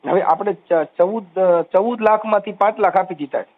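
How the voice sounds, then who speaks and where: A man giving calm, reassuring advice on a phone call, often repeating soothing phrases. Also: sits high, moderate pace. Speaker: social media activist taking calls. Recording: tinny phone line.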